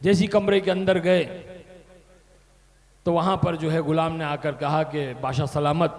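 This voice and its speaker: A man preaching a sermon as a story, animated, repeating phrases for emphasis. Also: a little high, a little slow. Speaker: Islamic preacher. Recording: hall reverb.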